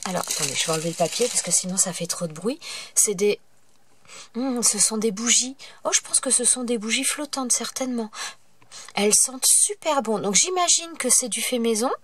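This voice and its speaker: A woman's voice: a little high, fairly quick, fairly bright tone, breathy edge, no echo. A woman who hosts a craft channel, with a stuffy nose from a cold, chatting casually as she opens her mail and breaks into delighted exclamations. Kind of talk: casual mail-opening vlog.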